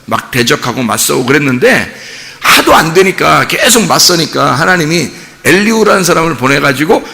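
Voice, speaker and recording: A man preaching a sermon as pastor, telling a story with animated voices for each figure. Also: on the high side, moderate pace, gravelly. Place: church sanctuary. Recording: long hall reverb.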